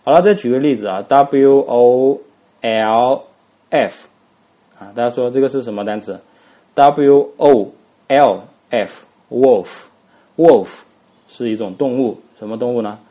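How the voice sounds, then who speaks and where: His voice sits in the mid-range, warm and at a normal speed, as he runs an English grammar lesson. He spells each word letter by letter and says it twice, constantly asks his students rhetorical questions, and fills his speech with fillers.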